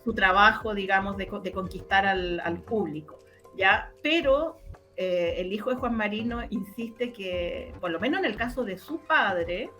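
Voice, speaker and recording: A Chilean Spanish-accented woman, an interview guest who produces radio dramas, casually recounts her memories and repeats words for emphasis. Her mid-range voice is bright, expressive and forceful, moving at a measured pace over soft background music.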